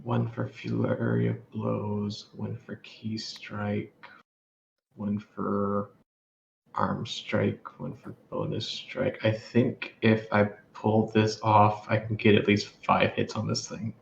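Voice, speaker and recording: Very slow gravelly man in an echoey room. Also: on the low side, flat delivery. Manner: plans his attacks aloud one by one. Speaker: player. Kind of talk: casual tabletop game talk. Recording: echoey lo-fi room with faint hiss.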